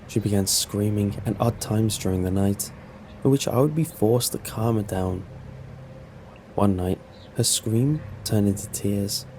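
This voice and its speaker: A man narrating a scripted first-person story in a measured, serious way. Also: fairly low pitch, mellow, slight background noise, rough recording.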